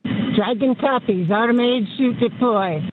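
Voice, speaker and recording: A woman astronaut reads back crisp, procedural callouts over a tinny space-to-ground radio link. Her voice comes through narrow and thin, with a faint hiss of noise behind it. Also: a little high, a little slow. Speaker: spacecraft crew member. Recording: tinny noisy radio line.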